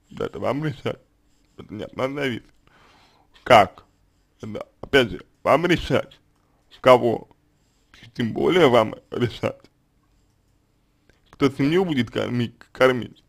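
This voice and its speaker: A man answering a listener's question as a consultant, unscripted, calm and hesitant, with many fillers and restarts. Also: medium pitch. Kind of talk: unscripted spoken advice.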